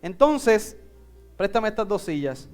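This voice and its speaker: High-voiced pastor, slow and smooth. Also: male voice, soft background music. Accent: Puerto Rican Spanish. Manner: animated storytelling, acting out a Bible scene with volunteers. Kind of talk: sermon.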